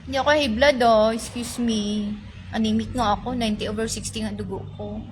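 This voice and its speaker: A chatty woman vlogger with a Visayan Filipino accent talks straight to her viewers in a slightly high voice. She teases and scolds commenters in a loose, casual way. Clear background noise runs under her voice. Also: fairly even intonation, a little fast. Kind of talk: casual live chat with viewers.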